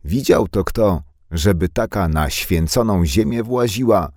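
A man voicing a spiteful, loud village shopkeeper woman in an audiobook, with a shrill, scolding, drawn-out delivery. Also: expressive, no room sound, studio quality. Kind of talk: audiobook character voice.

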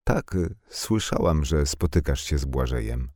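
A man's voice: a bass voice, animated, unhurried, a little mellow, no room sound, studio quality, full character voice. A man voicing a talkative, blunt young village woman with slangy, impulsive speech. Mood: chatty.

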